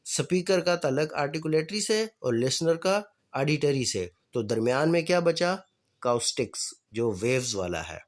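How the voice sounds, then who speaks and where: A man with a Pakistani accent giving a phonetics lecture, repeating key terms, quizzing his listeners and reading English definitions slowly. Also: a little high. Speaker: teacher.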